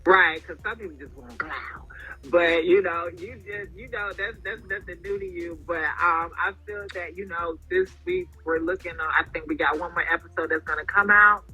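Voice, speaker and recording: Male interview host, effusive and encouraging, husky, high-ish voice. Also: lively intonation, moderate pace, bright, forceful tone, faint music behind, low-quality recording. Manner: encouraging and effusive, many fillers. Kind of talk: casual interview chat.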